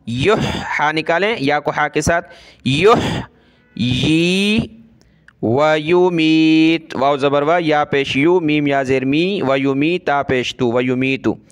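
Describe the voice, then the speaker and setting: Slow, clear-voiced man teaching recitation. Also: on the high side. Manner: spells out letters and vowel marks, then chants each word slowly. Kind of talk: spelling-out recitation lesson.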